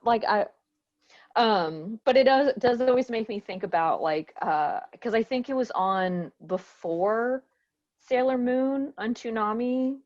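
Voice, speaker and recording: A woman's voice: fairly high pitch, slow pace, darkish tone, lo-fi sound. A woman guesting on a podcast, talking casually and hesitantly with lots of fillers. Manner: loose and hesitant, many fillers and swears. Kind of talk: casual chat.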